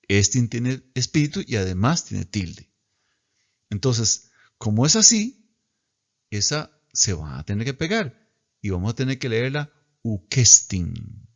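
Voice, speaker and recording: A man teaching a class in a slow, patient way, repeating words for students to copy. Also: medium pitch. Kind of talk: recorded lecture.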